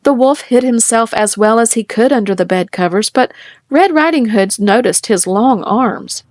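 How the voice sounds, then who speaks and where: A woman reading a fairy tale aloud in a gentle, measured storytelling manner. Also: on the high side, animated, dry recording, studio quality. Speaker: storybook reader.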